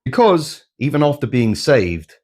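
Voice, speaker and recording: A man narrating a dark twist story in a suspenseful, dramatic manner. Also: mid-range voice, measured pace. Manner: suspenseful, swinging between hushed and excited.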